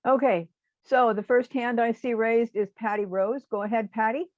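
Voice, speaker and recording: A woman moderating a townhall question session, brisk and businesslike, on a video call. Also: on the high side, fairly even intonation, no room sound, lo-fi sound.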